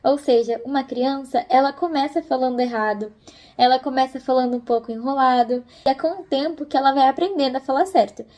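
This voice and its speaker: Brisk and mellow, with a voice that sits high, a young Brazilian woman gives tips on her video channel. She talks informally and encouragingly, like a friendly chat.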